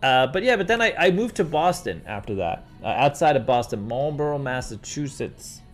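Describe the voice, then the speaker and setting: A middle-aged New Yorker speaks at normal speed in a medium-pitched voice, faint music behind him. Hosting a laid-back livestream, he takes viewer questions and rambles animatedly through stories, frequently calling everyone "dude."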